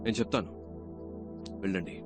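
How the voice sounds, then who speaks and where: A man's voice: brisk, over music, lightly acted. An actor playing a stern male officer who asks curt interview questions, in dubbed film dialogue.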